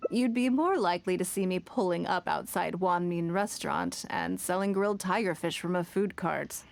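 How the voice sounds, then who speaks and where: A woman's voice: on the low side, moderate pace, gravelly. An earnest young businesswoman. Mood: reflective. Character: self-made young businesswoman, fond of fish, picky. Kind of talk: game character dialogue.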